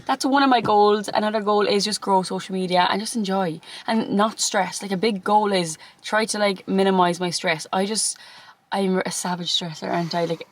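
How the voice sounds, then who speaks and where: A young Irish woman in her twenties chats casually and bubbly, rambling with plenty of fillers. Her voice sits in a middle pitch. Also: fairly even intonation, moderate pace, dry recording, rough recording. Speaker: YouTuber. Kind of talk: casual chat.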